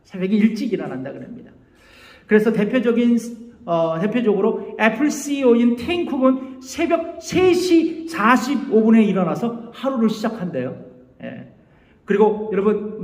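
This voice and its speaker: A male pastor preaching an animated sermon in a church and leading the congregation to repeat phrases. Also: very high voice. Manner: animated, leads the congregation in call-and-response. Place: church sanctuary. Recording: echoey church hall.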